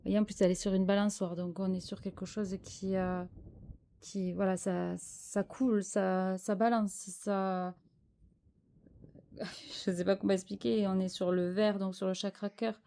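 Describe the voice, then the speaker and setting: A woman's voice: mid-range voice, level tone, unhurried, vocal fry, dark tone. A French-speaking woman giving a spiritual tarot reading, hesitant and searching for words with many fillers. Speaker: tarot card reader.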